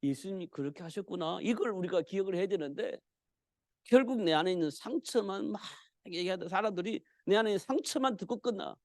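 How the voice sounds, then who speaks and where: A man preaches a midweek church sermon in a casual, conversational way and keeps answering his own rhetorical questions. His voice sits a little high and has a gravelly, creaky texture. The sound is dry and close, with almost no room echo. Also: lively intonation, brisk. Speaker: pastor.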